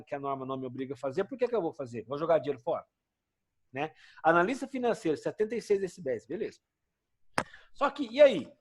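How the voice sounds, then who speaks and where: A man with a Brazilian Portuguese accent teaches a class in a chatty, questioning way. His fairly high voice rises and falls a lot as he explains. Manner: conversational, asks students questions. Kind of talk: classroom lecture.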